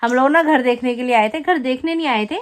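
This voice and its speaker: Woman, young adult, family vlogger, high voice, chatty, animated storytelling. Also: brisk. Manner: chatty, animated retelling with acted-out quotes and laughter. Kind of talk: casual storytelling to camera.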